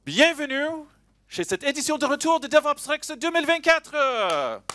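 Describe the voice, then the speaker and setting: A man's voice: very high voice, unhurried, noisy background. A man with a slight foreign accent, opening a conference live as emcee and joking with the audience. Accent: a slight foreign accent in French. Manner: lively, joking, chatty with the audience. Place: conference hall stage.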